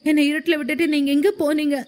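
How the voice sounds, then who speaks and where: A frightened young wife in a spoken storybook, pleading and shaky with tears, as a woman narrator puts her on. Her voice climbs high when the fear takes hold. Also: brisk, darkish tone, lightly acted. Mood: tearful.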